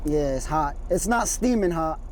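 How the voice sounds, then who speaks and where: A man with a high voice and a slight slur and lisp, talking casually from his truck cab. His easygoing, slangy chatter rambles along. A faint hum of noise sits under his voice. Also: lively intonation, normal speed, low-quality recording. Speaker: truck driver vlogger. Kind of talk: casual chat.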